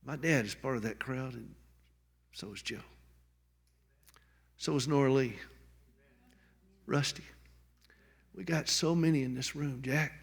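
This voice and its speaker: A man's voice: medium pitch, a little slow, gravelly, pauses often, breathy edge. A man speaking on stage at a book launch, giving a heartfelt tribute that moves between jokes and tender remembrance, often restarting his words. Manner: jokey then tender, repeats and restarts words. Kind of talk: heartfelt public tribute speech. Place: on stage at a public event.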